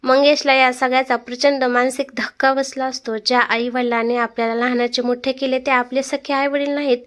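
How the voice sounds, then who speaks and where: A woman narrating a dramatic family story in a steady, expressive reading voice. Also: high voice, a little fast.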